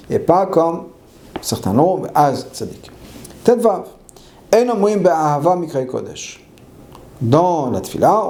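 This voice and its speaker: Male rabbi teaching a law class, gravelly and dark-toned, reads Hebrew then explains, repeats key phrases. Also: on the high side. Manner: asks questions and answers them himself.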